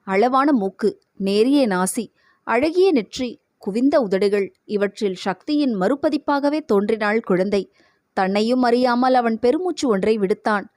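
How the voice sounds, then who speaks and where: A woman's voice: a little high, no echo, studio quality. Woman narrating an audio novel. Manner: steady, measured storytelling.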